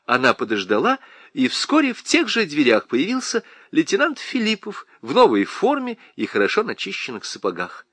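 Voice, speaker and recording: A man reading a comic novel aloud as an audiobook narrator, with ironic, expressive storytelling. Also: on the high side, normal speed, no room sound. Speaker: audiobook reader.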